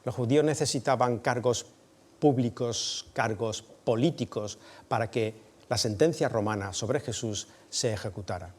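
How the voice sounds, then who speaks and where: A male preacher retells a scene in a sermon, vivid and expressive with sudden bursts of emphasis. His voice sits at an ordinary pitch for a man. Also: moderate pace. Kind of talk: dramatic storytelling sermon.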